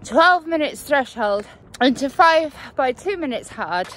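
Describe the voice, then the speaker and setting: On a cold night outdoors, a woman vlogs on a handheld phone while running, out of breath, chatty and rambling. Her voice is high, sing-song and a bit bright, at a measured pace.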